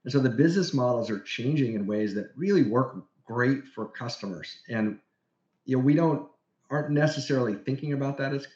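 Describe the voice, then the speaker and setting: A man's voice: lowish voice, darkish tone. A man guesting on a casual podcast interview, explaining with enthusiasm. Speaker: guest industry executive. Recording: roomy, dull podcast audio.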